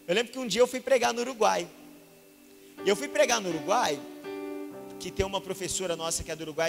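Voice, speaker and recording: High-voiced Mineiro preacher in a church hall. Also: male voice, vocal fry. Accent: Mineiro Brazilian Portuguese. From Minas Gerais, Brazil. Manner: animated preaching with rhetorical questions and acted-out dialogue. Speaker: pastor. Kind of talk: sermon. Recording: reverberant church hall with music behind.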